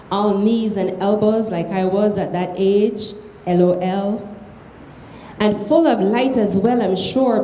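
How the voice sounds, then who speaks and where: A woman with a Belizean accent reads a short story aloud in a soft, mellow voice. The room rings with echo and there is faint noise behind the measured, expressive delivery. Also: medium pitch. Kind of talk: literary reading aloud of prose fiction.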